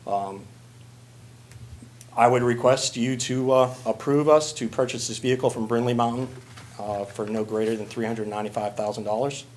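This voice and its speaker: A man, a fire chief, presenting a request to a city council in a plain, halting way with many fillers. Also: medium pitch, fairly even intonation, darkish tone, slight background noise.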